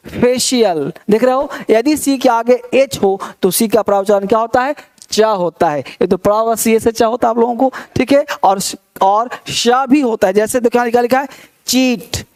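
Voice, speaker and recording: A man from India teaching English pronunciation, slowly reading out word lists one by one and explaining the spelling rules. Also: very high voice, a little mellow. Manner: slow, drawn-out word-by-word drilling. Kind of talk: spoken pronunciation lesson.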